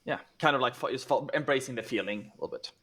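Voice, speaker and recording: A man's voice: mid-range voice, very fast, pushed and bright, breathy edge. A man playing a tabletop role-playing game, rambling with lots of fillers. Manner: rambling, filler-heavy talk. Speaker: player. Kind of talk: casual tabletop role-play.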